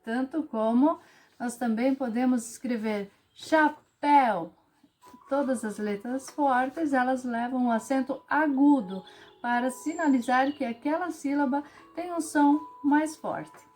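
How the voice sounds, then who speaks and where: A woman teacher, explaining a lesson patiently and clearly to children and acting out example sentences with lively intonation. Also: high-pitched, a little slow, soft background music. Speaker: special education teacher.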